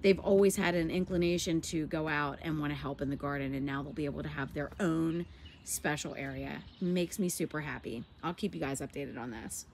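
Filming herself outdoors on a handheld phone, a woman in her forties talks eagerly through a casual walk-and-talk garden vlog, laughing easily. Her voice is deep, stuffy and nasal, a little mellow, brisk, and fairly even in intonation. The recording carries a little hiss or hum.

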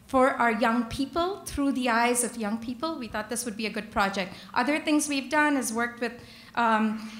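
A woman's voice: fairly high pitch, a bit bright. Woman architect in an echoey hall. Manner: friendly, many fillers, lists projects. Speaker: architect and panel moderator. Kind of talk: panel presentation. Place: large conference hall. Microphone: podium microphone.

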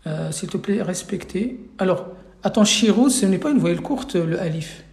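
A man's voice: high-pitched, expressive, moderate pace, gravelly, darkish tone, roomy sound. A man teaching an Arabic reading class online, running a live quiz and patiently repeating each question several times for his students.

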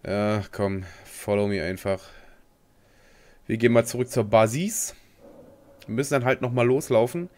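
With a fairly low, darkish voice, a young gaming host talks his way through a let's play at a moderate pace, leaving long pauses. His commentary is casual, rambling, and slangy, much of it aimed at himself.

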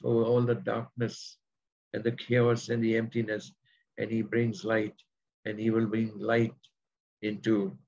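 A man preaching a sermon with a husky voice, earnest and slowing down to stress the scriptures he reads. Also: mid-range voice, a little mellow. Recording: dull lo-fi sermon recording.

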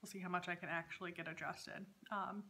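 Her voice is fairly low, steady and sharp, and she talks briskly, though hesitantly. She's a woman in her thirties hosting a knitting podcast as a chatty vlog from her dining room at home.

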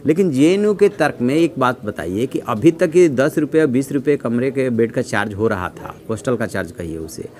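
A middle-aged man giving a measured news commentary from a newsroom desk, reading figures from notes, with frequent "uh" fillers. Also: mid-range voice, lively intonation, darkish tone. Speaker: news analyst. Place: newsroom office, indoors.

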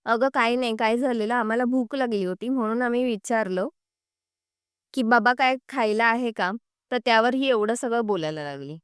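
A woman's voice: on the high side, normal speed, smooth, no room sound, clean studio sound, lightly acted. A woman reading the lines of a boastful older father who has just come into wealth. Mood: defensive.

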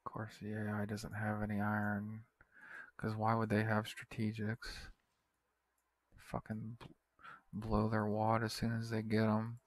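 A man's voice: lowish voice, completely flat delivery, unhurried, long pauses, no echo. A man giving casual commentary while playing a strategy game, muttering to himself and swearing in frustration. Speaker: gaming video creator.

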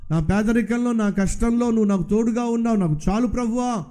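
A man's voice: very high-pitched, fairly quick, mellow. A preacher doing a pleading, suffering man. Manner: pleading, questioning.

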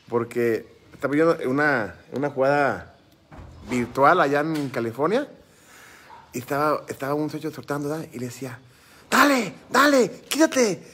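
A man's voice: mid-range voice, fairly bright tone. A man hosting a casual chat, rambling and repeating words as he starts his sentences. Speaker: host.

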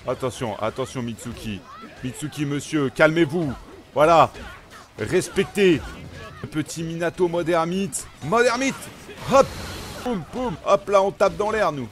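A man from France, a gaming YouTuber, talking chattily through character setup and gameplay with lots of quick exclamations. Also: a little high, soft background music. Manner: excitable, chatty, punctuates action with exclamations. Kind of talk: gameplay commentary.

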